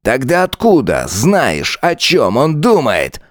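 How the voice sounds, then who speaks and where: Male reader doing a cruel lieutenant, audiobook: sneering, mocking, threatening, pitched up. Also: huge pitch swings, slow, no echo, studio quality. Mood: menacing. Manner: sneering, taunting.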